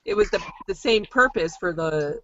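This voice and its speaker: A woman's voice: mid-range voice, wildly swooping pitch, creaky, fairly bright tone, a little hiss or hum. Woman on a glitching video call. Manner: halting, filler-heavy speech. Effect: glitching, cutting-out video call audio. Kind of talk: casual video call meeting. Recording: dull, lo-fi video call audio.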